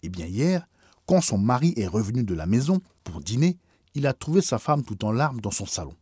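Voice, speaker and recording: A man reading a memoir aloud in measured scripted narration, lightly voicing the dialogue. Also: mid-range voice, very animated, warm tone, slightly rough, no echo, clean studio sound. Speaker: audiobook reader.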